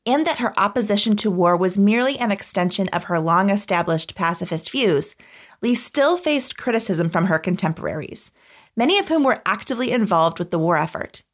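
A woman with a mid-range voice reads scripted narration for a documentary podcast, telling the story in an articulate, measured way.

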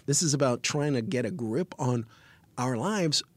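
A man's voice: medium pitch, animated, normal speed, no room sound. A middle-aged man co-hosting a podcast in casual chat, jokey and self-mocking. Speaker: podcast co-host.

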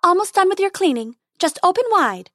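A woman voicing a kind female tooth fairy who works as a dentist, speaking high and gentle. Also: big pitch swings, brisk, exaggerated voice. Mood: cheerful.

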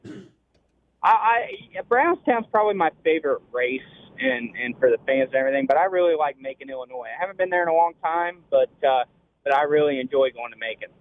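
A man's voice: a little high, expressive. Man on a tinny phone line. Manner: halting, repeats words, many fillers. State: talking on the phone while driving. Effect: heard over a phone line. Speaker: racing driver guest. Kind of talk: casual phone interview.

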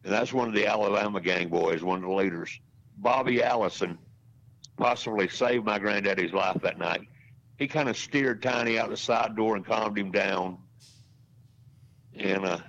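On a podcast interview, a racetrack announcer in his sixties rambles through casual, folksy anecdotes and keeps restarting them. His lowish voice is a bit bright, and the dull lo-fi recording carries a little hiss or hum.

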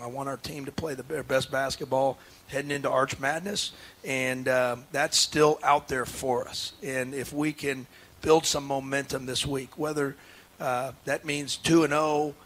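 A man's voice: mid-range voice, a bit bright, slight background noise. A man, a head basketball coach, talking earnestly in a casual radio interview, with many restarts and fillers. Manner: earnest, emotional.

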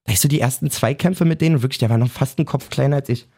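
A man in his thirties from Germany, chatting casually on a podcast, telling a story in slang and acting out quotes loudly. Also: medium pitch, very fast, creaky, breathy edge. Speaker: podcast host telling an anecdote.

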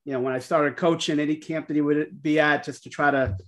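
A man's voice: fairly high pitch, steady tone, brisk, a bit bright. A man co-hosting a podcast as a coach, chatting casually and effusively, often circling back over his phrases. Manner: effusive, repeats and restarts phrases. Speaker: podcast co-host and basketball coach. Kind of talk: casual chat.

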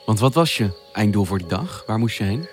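A man's voice: fairly low pitch, lively intonation, a little fast, faint music behind. A man hosting an interview, asking thoughtful questions in articulate, literary phrasing. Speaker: host. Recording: dry close studio sound.

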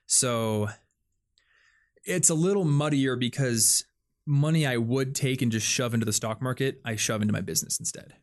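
In a casual podcast chat, a young male host thinks out loud, stumbling through fillers and restarts. He speaks at medium pitch and a moderate pace.

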